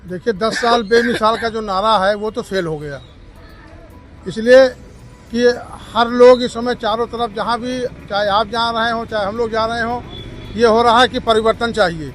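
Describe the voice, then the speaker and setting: A man, a local resident, explaining his view at length in a measured way outdoors. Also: very high-pitched, steady tone, fairly bright tone.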